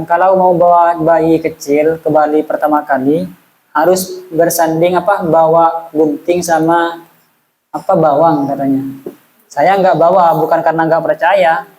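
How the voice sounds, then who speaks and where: A man's voice: on the high side, fairly even intonation, normal speed, a little mellow, poor audio. A man, teaching an Islamic study class in a chatty way and asking the audience questions. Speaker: religious teacher. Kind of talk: casual Islamic study lesson.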